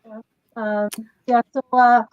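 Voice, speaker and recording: A woman from the Czech Republic, a guest photographer, speaks in a casual interview with a reflective, hesitant manner and many fillers. Her voice is on the high side, flat and a little slow, recorded with no echo and the highs cut off.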